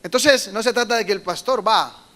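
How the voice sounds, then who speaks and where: A man's voice: sits high, moderate pace. A middle-aged man preaching a sermon to young people, telling stories and acting out voices with emphatic bursts. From Colombia. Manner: animated storytelling, acts out quoted voices, emphatic bursts. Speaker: pastor. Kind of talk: sermon to a youth meeting.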